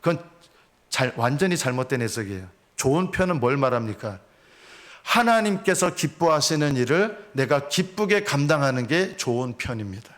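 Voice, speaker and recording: Earnest pastor. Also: male voice, medium pitch, very animated, normal speed, a bit bright. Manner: earnest, rhetorical questions to congregation. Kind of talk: sermon.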